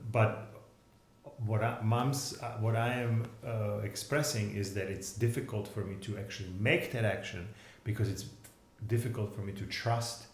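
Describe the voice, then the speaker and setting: A man's voice: fairly low pitch, fairly even intonation, slight background noise. A man co-hosting a casual reflective discussion, often stopping to search for his words. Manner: halting, searching for words, many restarts. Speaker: co-host discussing a reading. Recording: roomy echo.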